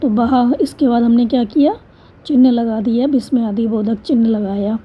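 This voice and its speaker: A woman teacher with a high, slightly breathy voice talks through a school textbook exercise. She goes step by step, asking questions and answering them herself. The recording sounds muffled and lo-fi. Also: fairly even intonation, moderate pace. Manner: patient, step-by-step, asks and answers her own questions. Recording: dull lo-fi recording.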